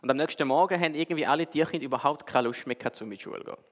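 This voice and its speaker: A man preaching, telling a story in a lively, animated way. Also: a little high, racing, in a large hall. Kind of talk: sermon with a told story.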